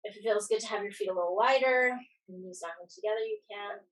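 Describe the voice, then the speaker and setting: A woman's voice: medium pitch, quick pace, far from the mic, low-quality recording. A woman giving casual, reassuring yoga class instruction, guiding and encouraging as she goes.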